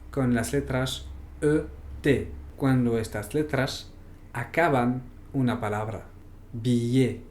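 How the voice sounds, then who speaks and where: A man's voice: medium pitch, a little mellow, a little hiss or hum. A man with a French accent teaching a pronunciation lesson, spelling out letters one at a time and modeling each sound. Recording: roomy echo.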